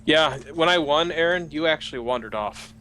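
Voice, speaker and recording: A man's voice: a little high, expressive, normal speed, pushed and bright, a little hiss or hum. A man co-hosting a gaming podcast, joking and teasing his friends in casual chat. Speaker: podcast co-host.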